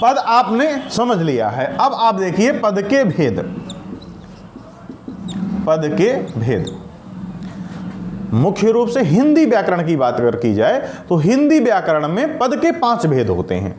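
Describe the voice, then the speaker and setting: A man teaching a recorded grammar lesson. He asks questions, answers them himself, and repeats key sentences slowly. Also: high-pitched, wildly swooping pitch, echoey room, background noise.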